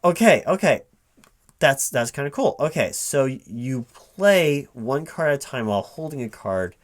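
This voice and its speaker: Very animated and mid-range in pitch, a man acts as a recruiting manager sizing up a gamer in a spoken ASMR roleplay with no whispering. The conversation is one-sided and casual, and he pauses and stumbles as though puzzling it all out aloud.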